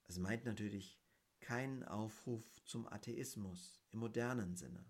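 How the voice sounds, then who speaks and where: A man giving a reflective spiritual talk on mysticism, speaking in a measured, deliberate way and reading quotations aloud. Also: on the low side. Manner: measured and deliberate, stressing key words.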